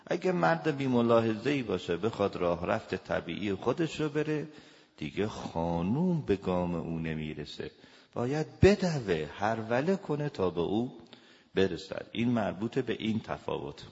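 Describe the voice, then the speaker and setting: Man, family counselor, lecture, fairly low voice, acts out dialogues, long hall reverb. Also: vocal fry. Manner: lively, acts out little dialogues with shouted voices. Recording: dull lo-fi recording with long reverb.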